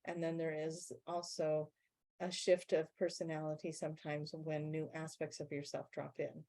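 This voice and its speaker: A woman channelling a guide being in a spiritual question-and-answer session, explaining in a measured way and slowing down to stress key words. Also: low-pitched, little pitch movement, warm tone.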